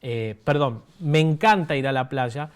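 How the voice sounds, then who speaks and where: An Argentine man in his thirties gives a sermon built on his own testimony. His voice sits at an ordinary middle pitch. He speaks in a loose, conversational way and keeps turning to the congregation with questions. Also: measured pace, clean tone. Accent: Argentine Spanish. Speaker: preacher.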